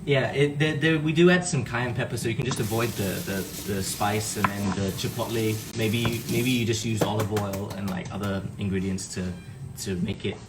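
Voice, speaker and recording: A man's voice: fairly low pitch, fairly even intonation, moderate pace, over music. A man casually explaining a pasta recipe in a home kitchen, hesitant and repeating words as he talks. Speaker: home cook. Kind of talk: casual cooking demo, live. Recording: echoey room, distant mic, loud sizzling. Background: frying and sizzling.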